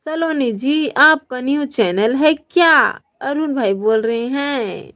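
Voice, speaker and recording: A woman from Chhattisgarh hosting a casual live stream, greeting viewers by name and reading out their comments in a slow, drawn-out, friendly way. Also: sits high, animated, fairly bright tone. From Chhattisgarh, India.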